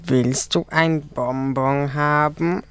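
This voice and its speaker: A man voicing a friendly talking pumpkin in a radio play, calm and slow. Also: a little high, clean tone.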